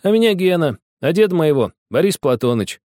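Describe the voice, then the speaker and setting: A man's voice: a little high, sing-song, fairly quick, no echo, clean studio sound, voice pushed up. Man doing a brash bullying schoolboy. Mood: gruff. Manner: loud mocking show-off. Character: brash cocky schoolboy, loud teasing bully.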